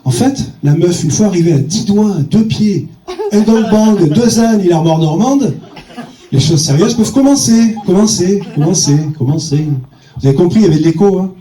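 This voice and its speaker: A man's voice: high voice, expressive, moderate pace, mellow, echoey room, far from the mic. A stand-up comedian man telling a crude story on stage, with a bawdy, punchy delivery and sudden jumps in his voice.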